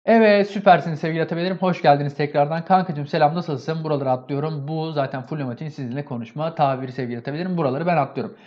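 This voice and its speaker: A man's voice: fairly high pitch, very fast, hardly any pauses, muffled recording. A man teaching a grammar lesson with energy, asking and answering his own questions and often repeating an affectionate address to his viewers. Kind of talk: online exam-prep lesson.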